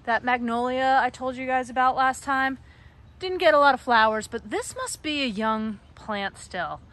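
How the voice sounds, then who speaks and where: This garden blogger, a middle-aged woman from the United States, speaks in a high-pitched, somewhat bright voice at a normal speed. Filmed outdoors on a phone, she strolls through her backyard garden in a casual, excited way, chatting with plenty of fillers and small laughs.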